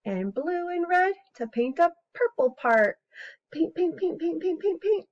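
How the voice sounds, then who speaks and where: With a very high voice and an unhurried delivery, a woman in her thirties addresses young children through a lively read-aloud and a relaxed craft demo. Her singsong, expressive style urges them to join in. The webcam audio is slightly dull.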